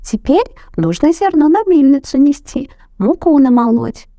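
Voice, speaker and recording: Two lazy little mouse boys squeak in piping, childish voices from a storybook tale, as a woman puts them on. The pitch sits way up high and jumps around playfully, yet the tone stays mellow. It sounds close and dry, with no room around it. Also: very animated, normal speed, dry recording. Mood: squeaky.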